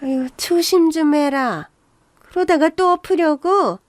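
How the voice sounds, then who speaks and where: A woman's voice: high-pitched, takes it slowly, dry recording, voice pushed up. A woman voicing a bossy, scornful older mother-in-law who nags and scolds, as part of a radio story reading. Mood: scolding. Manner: scornful, nagging.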